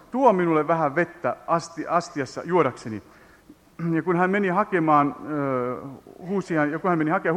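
A man preaching a Pentecostal sermon, retelling a Bible passage and then rising into loud, high-pitched exhortation. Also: big-room sound.

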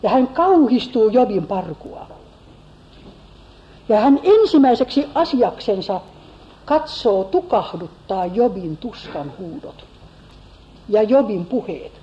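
A woman preaching a sermon in an earnest manner, swinging between forceful and hushed emphasis. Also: mid-range voice, very animated, long pauses. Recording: slightly dull lo-fi recording.

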